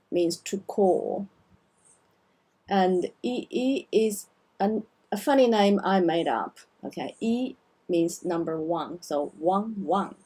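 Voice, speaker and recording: A middle-aged woman teaching a beginner language lesson, explaining slowly and drilling words over and over. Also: lowish voice, mellow, slightly rough, poor audio. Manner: slow, careful explanations with repeated drills.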